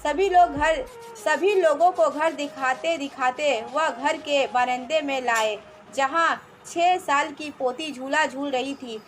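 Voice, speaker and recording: High-voiced slow woman storyteller. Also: slight background noise. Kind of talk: storybook narration.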